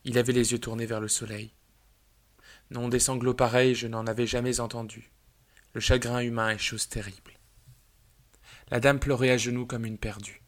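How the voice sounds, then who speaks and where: A man's voice: mid-range voice, level tone, moderate pace, long pauses. Man reading a dramatic story. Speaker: narrator.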